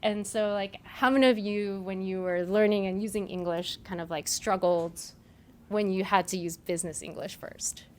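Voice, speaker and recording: A woman in her thirties, raised in South Korea with Korean as her first language, gives a live conference talk to a small meetup audience. She's chatty and loose, filling pauses with "like," checking in with "right?", and laughing between points, in a steady, mid-range voice at normal speed. A faint hiss runs beneath her voice.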